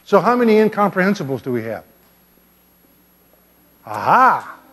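An older man, a pastor giving a children's sermon in a church sanctuary, gently and playfully asking the kids questions. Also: high voice, big pitch swings, normal speed. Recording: long church reverb.

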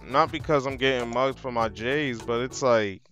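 A man's voice: mid-range voice, normal speed, a bit bright. A man doing casual, slangy game commentary, joking, swearing and repeating his phrases. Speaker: gaming streamer narrating playthrough. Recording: game music behind voice.

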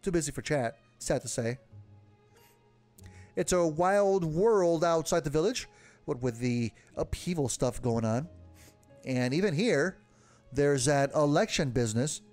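A man's voice: on the high side, expressive, measured pace, pauses often, darkish tone, faint music behind. A man reading game dialogue aloud, voicing a lovesick, nervous young male village guard who keeps blurting things and covering them up. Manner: flustered, blurting then covering up.

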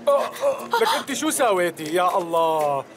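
A man's voice: a little high, very animated, very fast. A male actor playing a flustered, easily exasperated man in a dubbed television drama, speaking Levantine Arabic with a Syrian accent. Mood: indignant. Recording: music behind the voice.

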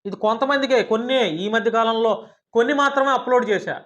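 Heated male ranter, very high voice, firing off questions at speed. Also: fairly bright tone, dull audio. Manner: combative, heated, rapid-fire rhetorical questions. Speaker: journalist and YouTuber. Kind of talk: angry rant at a critic.

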